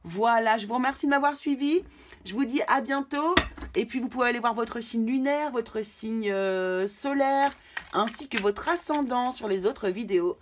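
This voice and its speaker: French woman, tarot reader, casual and halting delivery with lots of fillers. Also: fairly high pitch. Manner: hesitant, repeats words, many fillers. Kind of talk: casual tarot reading video.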